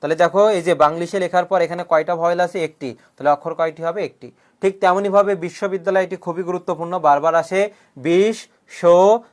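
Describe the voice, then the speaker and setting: A male coaching teacher giving an online grammar lecture, drilling students with repeated questions and answers, joking with threats and often clearing his throat. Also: high voice, steady tone, rapid-fire. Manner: jokingly threatens students who have not shared the class.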